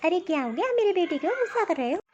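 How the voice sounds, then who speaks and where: A woman's voice: very high-pitched, big pitch swings, quick pace, darkish tone, dull audio, slight background noise. A woman voicing a bossy, taunting middle-aged mother-in-law in a cartoon story. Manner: scolding, taunting.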